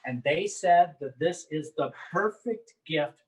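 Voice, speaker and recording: A man's voice: on the high side, lively intonation, slow, poor audio. A man talking as a wine book author, enthusiastic and prone to repeating words as he starts sentences. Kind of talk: promotional chat.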